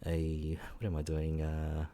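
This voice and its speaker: A man's voice: very deep voice, monotone, unhurried, dark tone. A man co-hosting a tech podcast, talking casually and rambling with many fillers. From Australia. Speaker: podcast co-host.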